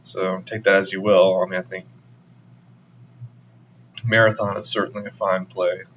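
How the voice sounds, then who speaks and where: A man talks through market commentary in a casual, meandering way, often restarting and trailing off. His voice sits low and is wearing out, turning hoarse. A faint hum runs underneath. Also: little pitch movement, normal speed, a bit bright. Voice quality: voice going hoarse. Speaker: crypto channel host.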